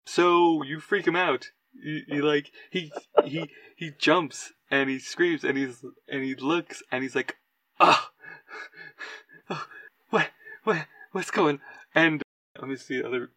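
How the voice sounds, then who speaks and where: A man running a tabletop game, animated and laughing easily. His voice is bright with a gravelly rasp, and the recording is dry and close. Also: a little high, unhurried, few pauses, dry recording. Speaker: game master.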